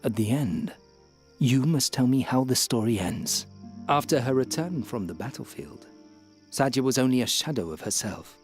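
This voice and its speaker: An actor playing a grave, sentimental old male storyteller who tells a tale in a solemn, measured way. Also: mid-range voice, expressive, faint music behind, natural voice. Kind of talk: game voice acting.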